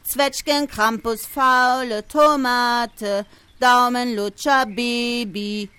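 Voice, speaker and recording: A woman's voice: a little high, fairly even intonation, extremely slow, bright, forceful tone, clear, resonant tone, dry recording, pitched above the performer's own voice, full character voice. A woman reading a storybook aloud and voicing a bossy, cheeky little girl who taunts her brother. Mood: teasing.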